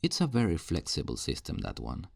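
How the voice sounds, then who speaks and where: Playing a kindly, calm male afterlife assistant who sells souls new lives, a voice actor delivers a scripted, soft-paced one-sided ASMR roleplay. Though his exaggerated, low gravelly voice runs brisk, he explains with patient, reassuring, customer-service clarity. The recording is dry and studio quality.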